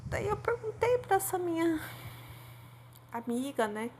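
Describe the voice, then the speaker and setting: A woman's voice: very high voice, sing-song, unhurried, a little mellow, a little hiss or hum. A woman telling a heartfelt personal story to her channel in a rambling, confessional way, often adding little tag questions. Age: adult.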